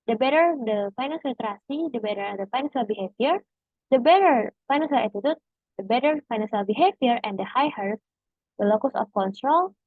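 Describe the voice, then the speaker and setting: Halting young Indonesian woman, muffled audio. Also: on the high side, dry recording. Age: young adult. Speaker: student presenting a thesis defense. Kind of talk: formal academic presentation, reading out results.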